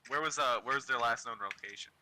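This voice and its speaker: A man's voice: medium pitch, quick pace, background noise. A man playing a tabletop game, asking questions and throwing in joking asides. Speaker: player. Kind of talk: casual tabletop game chat.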